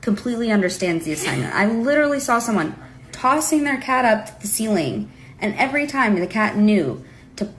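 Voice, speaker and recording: A woman's voice: medium pitch, sing-song, a little fast, slight background noise, low-quality recording. A woman chatting casually about cats, rambling with fillers.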